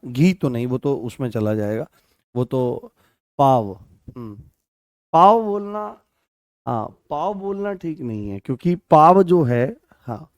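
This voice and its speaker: A man's voice on the high side with a darkish tone comes through clean studio sound with no echo. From Rajasthan, he teaches Hindi grammar in an online exam-prep class, going back over phrases, amending what he says, and answering questions he puts forward himself.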